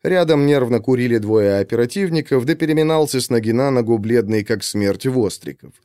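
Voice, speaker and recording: A man narrating an audiobook in an expressive, measured storytelling manner. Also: medium pitch, clean tone, no echo.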